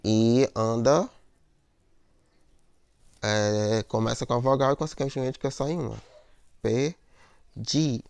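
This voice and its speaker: A man's voice: mid-range voice, fast talker, gravelly, hardly any pauses, clean tone, no echo. A man teaching a lesson on poetic meter, explaining step by step, repeating words, and checking in with "né?" and "ó".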